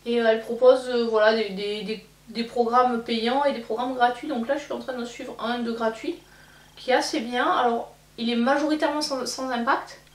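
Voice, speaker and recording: In a casual get-ready-with-me video, a thirtysomething beauty vlogger rambles through her makeup with many fillers. She has a fairly high voice, fairly even intonation and a normal speed, and the recording has an echoey room, a faraway mic and a faint hum.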